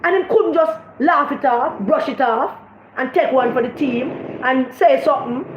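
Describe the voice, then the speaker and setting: A Jamaican woman with a high voice giving livestream commentary, talking with passion and circling back over her words as she hunts for them. She sounds like she is in an echoey room, and the recording comes across slightly dull and muffled. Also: normal speed, noisy background. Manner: impassioned, repeats words when searching. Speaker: political commentator.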